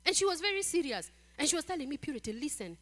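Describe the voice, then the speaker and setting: Lady preaching a sermon, high voice, lots of praise the lord, goes quiet then loud. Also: expressive, very fast. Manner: repeats scripture, punctuates with "praise the Lord"; swings from quiet storytelling to loud exhortation.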